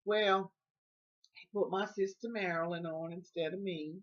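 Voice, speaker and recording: A woman's voice: on the low side, fairly even intonation, a little slow, muffled recording. Folksy woman telling a story. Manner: folksy, laughing as she tells it. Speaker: vlogger. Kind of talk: storytelling vlog.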